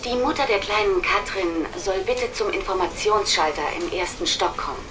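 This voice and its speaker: A woman playing a brisk speaker who delivers scripted practical messages in short, direct sentences. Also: medium pitch, fairly bright tone, a little hiss or hum, natural voice, low-quality recording. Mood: composed, informative.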